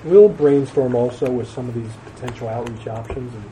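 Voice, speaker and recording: Man, consultant, mid pitch, restarts, agreeable, noisy meeting room. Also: a little fast, dark tone, recorded from a distance. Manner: agreeable, thinks aloud with restarts. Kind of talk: casual meeting talk.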